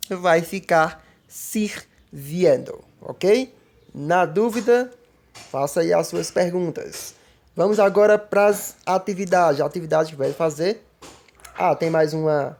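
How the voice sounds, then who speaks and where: Teacher voice, patient, repetitive explanations, mid pitch, recorded lesson. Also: a little mellow. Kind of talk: recorded online grammar lesson.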